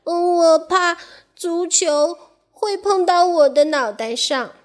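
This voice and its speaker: A woman voicing a small, fearful little mouse in a children's storybook, with a squeaky, hesitant voice. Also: takes it slowly. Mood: timid. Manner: squeaky, hesitant, high-pitched.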